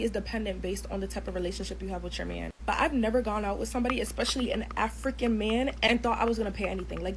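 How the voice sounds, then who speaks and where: A woman's voice: medium pitch, a little hiss or hum, rough recording. A woman raised in the United States, chatting emphatically to camera with lots of "like"s. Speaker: commenter in a stitched clip. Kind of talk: casual talk to camera.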